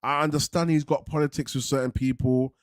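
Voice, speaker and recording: A man's voice: medium pitch, fairly even intonation, brisk, dry recording, studio quality. A man with a London roadman accent chatting casually to livestream viewers, laid-back and slangy, often repeating himself. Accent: London roadman, multicultural urban slang. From London, England. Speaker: football fan channel host.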